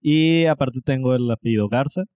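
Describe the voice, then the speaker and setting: A man's voice: mid-range voice, normal speed, dry recording. A young man from Monterrey, chatting casually and a bit ramblingly as a podcast co-host. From Mexico (Monterrey). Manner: relaxed, rambling, self-deprecating. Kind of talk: casual chat.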